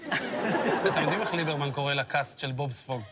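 A man's voice: fairly high pitch, expressive, over a noisy crowd. Israeli man joking in a noisy studio. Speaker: comedy panelist. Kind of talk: joking questions.

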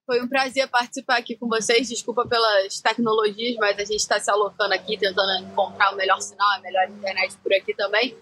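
A woman field reporter joining by video call, talking in a rushed, apologetic way. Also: mid-range voice, flat delivery, pushed and bright, a little hiss or hum, low-quality recording. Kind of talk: casual remote check-in.

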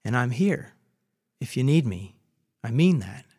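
A man's voice: mid-range voice, sing-song, measured pace, mellow, breathy edge. A man voicing a firm but caring male rabbi on the phone, speaking earnestly. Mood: gentle.

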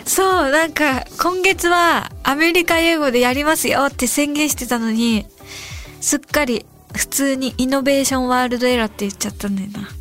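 A woman hosting a radio show in a studio, chatting casually about listener messages with giggles and soft whispered asides. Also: high voice, fairly quick. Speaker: radio host. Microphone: studio microphone. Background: faint background music.

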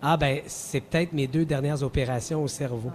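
A man with a Quebec French accent, cohosting a morning radio show and spinning a self-mocking anecdote in an animated way, laughing often as he goes. His voice sits a little high for a man. Some faint ambient noise hangs behind him. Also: normal speed. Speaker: radio co-host. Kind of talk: casual radio banter.

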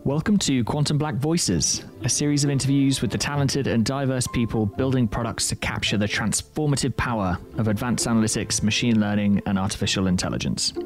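A man's voice: medium pitch, fairly quick, few pauses. A man hosting an interview series, reading a polished intro and then asking questions. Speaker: podcast host. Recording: music bed under the voice.

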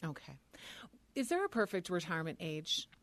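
Low-voiced woman co-hosting a radio show. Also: sing-song, fairly bright tone. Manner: clear, measured delivery, slowing to repeat phone numbers. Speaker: radio co-host.

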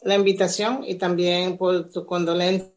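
A middle-aged woman speaking as an interview guest, slow, halting and reflective. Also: lowish voice, little pitch movement, darkish tone. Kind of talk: conversational interview.

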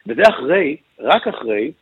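A man with a somewhat higher, husky voice talks as a radio news correspondent. He walks through events at length, filling pauses with small hums as he explains. The sound is dull and lo-fi, like a radio broadcast. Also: sing-song. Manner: detailed explanatory recounting with filler sounds.

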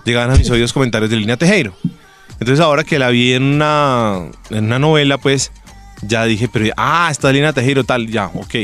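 A man's voice: mid-range voice, brisk, a bit bright. A man hosting a radio show, talking in a rambling, hesitant way in casual banter. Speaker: radio host. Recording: faint music behind.

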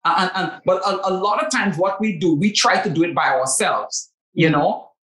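On a Bible talk show, a male co-host delivers preacherly faith talk, pressing his points by repeating words emphatically. His voice is high and fairly bright, his pace moderate, and the room echoes.

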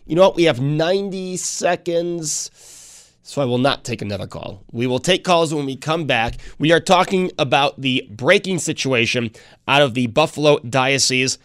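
A man's voice: on the high side, expressive, normal speed, a bit bright, dry recording, clean studio sound. A man in his early thirties hosting a live talk radio show. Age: early 30s. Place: radio studio.

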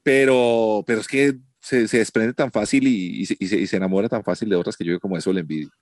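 A Colombian man co-hosting a podcast, joking and chiming in with quick agreement. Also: lowish voice, fairly even intonation, a little mellow, dry recording, clean studio sound. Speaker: podcast co-host. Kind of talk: casual banter.

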